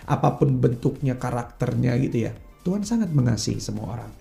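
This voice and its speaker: A man preaching as a youth pastor, with a deep gravelly fry running through a dark, mellow voice. He talks earnestly and slangily, acting out the complaints of ordinary people. Soft music plays faintly underneath. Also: animated, brisk. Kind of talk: preaching in a podcast chat.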